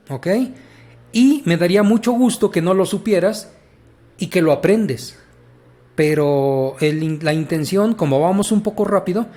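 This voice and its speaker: Mexican male teacher, slightly high voice, patient and repetitive grammar explainer. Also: a little mellow. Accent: Mexican Spanish. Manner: patient, repetitive, addresses the listener directly. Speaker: English teacher.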